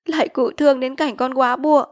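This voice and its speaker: A woman's voice: high voice, fairly even intonation, fairly quick, voice pushed up, natural voice. A woman voicing a desperate poor peasant mother in an audiobook reading, pleading and lamenting through tears. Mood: begging.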